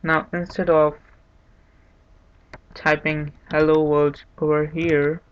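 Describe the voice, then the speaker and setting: Male tutorial host, monotone and unhurried, slightly higher voice, dull lo-fi mic with faint hiss. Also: clear, resonant tone. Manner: monotone, unhurried, thinking aloud with restarts. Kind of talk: screen-recorded coding tutorial. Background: keyboard typing and clicks.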